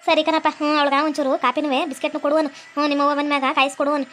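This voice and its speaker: Woman voicing a bossy older village woman, North Karnataka accent, quick scolding cartoon voice. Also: high voice, little pitch movement, a bit bright, a little hiss or hum, voice pushed down. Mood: fussing. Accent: North Karnataka Kannada.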